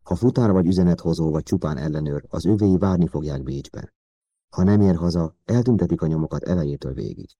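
A man voicing a calm, measured male intelligence officer in an audiobook. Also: low-pitched, no echo, muffled recording. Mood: firm.

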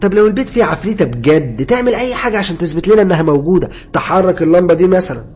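A man voicing a young male worker who loudly mocks talk of ghosts, with an Egyptian accent. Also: sits high, animated, rapid-fire, soft background music, voice pushed up. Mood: scoffing. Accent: Egyptian Arabic. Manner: loud, mocking.

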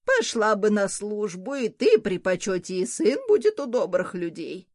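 A woman reading an audiobook, voicing a stern, suspicious old woman who grumbles slowly and disapprovingly. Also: medium pitch, very animated, a little mellow, dry recording, studio quality. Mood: grumbling. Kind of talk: audiobook character voice.

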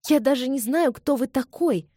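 A woman reading the part of a proud young English lady who exclaims in a high-strung voice. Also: brisk, dark tone, dry recording, clean studio sound, close to an everyday voice. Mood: flustered.

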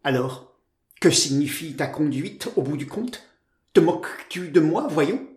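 A man's voice: fairly high pitch, expressive, unhurried, a little mellow, echoey room. Storybook role: man playing a haughty young woman, dry and cutting. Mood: cold. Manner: curt, disdainful delivery. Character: proud, cool young woman, dry and disdainful.

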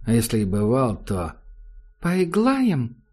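A man narrating an audiobook in a measured, ominous reading style. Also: medium pitch, warm tone. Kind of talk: scripted narration.

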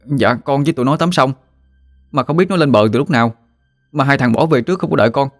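A man's voice: medium pitch, quick pace, dry recording, clean studio sound, faint music behind, voice pushed up, close to an everyday voice. A man voicing a frightened young village boy who stammers in panic.

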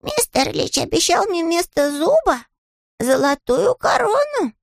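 A woman reading a storybook aloud and voicing a small, earnest male bear cub in a high, childlike voice. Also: big pitch swings, a little slow, gravelly, no room sound, studio quality, full character voice. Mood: proud.

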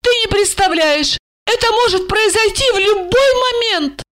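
A woman voicing a drunk, frightened woman who wails in a shrill, hysterical way, in a storybook reading. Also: lively intonation, normal speed, a bit bright.

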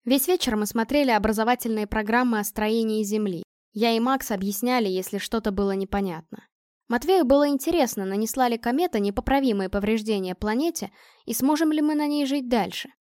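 A woman narrates a first-person audiobook with calm, measured pacing. Her voice sits a little high, and the recording is dry and close, with no room sound. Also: no room sound.

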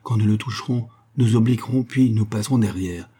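A man voicing an old, loyal male creole boatman who talks in an urgent, excited way. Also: fairly low pitch, a little fast, slightly rough.

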